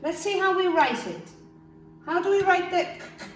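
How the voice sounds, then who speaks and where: A woman's voice: extremely high pitch, expressive, normal speed. A woman teaching phonics to young children like a kids show host, encouraging them in simple, sing-song instructions. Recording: roomy echo, distant mic, background music.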